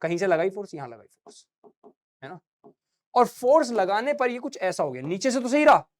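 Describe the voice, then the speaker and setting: A man's voice: sits high, very animated, a little fast. Chatty man teaching physics to students. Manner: chatty, addresses students as beta and bhaiya, tells anecdotes; sings little sound effects between points. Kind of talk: casual classroom lecture.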